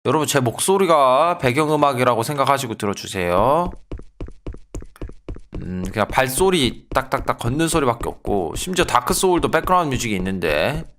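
A young man giving excitable let's-play commentary, yelling at enemies and joking with viewers. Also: medium pitch, a little fast. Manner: excitable, yells and trash-talks the game. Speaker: gaming YouTuber.

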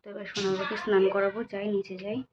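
A young woman chatting casually as she films a home lifestyle vlog, narrating her day in a soft, chatty way. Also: mid-range voice, level tone, racing, background noise. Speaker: lifestyle vlogger. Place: home, kitchen and rooftop. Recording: dull lo-fi phone audio with faint music.

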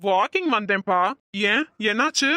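An actor voicing an elderly father in a comic cartoon, speaking calmly and slowly. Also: mid-range voice, no room sound.

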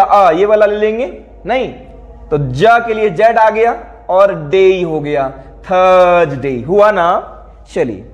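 A man teaching English phonemic transcription at a board. He keeps asking his pupils questions and repeats each word slowly. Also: sits high. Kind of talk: classroom board lesson.

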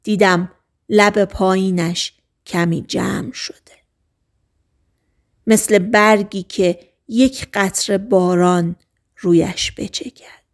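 A woman narrates a novel for an audiobook. Her delivery is soft and hushed, often sinking to a half-whisper. She phrases slowly and deliberately at an ordinary mid pitch. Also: fairly even intonation.

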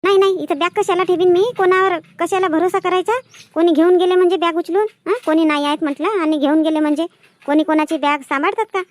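A woman playing a sharp-tongued village woman who quarrels and talks back fast in a comedy sketch. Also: very high voice, steady tone. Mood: quarrelling. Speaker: sketch actress.

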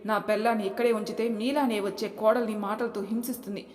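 Lady putting on a raging husband, harsh and loud, pitched high, long reverb. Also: steady tone, fast talker, natural voice. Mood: furious. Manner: harsh, threatening. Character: furious brother-in-law threatening his wife. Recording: roomy hall reverb.

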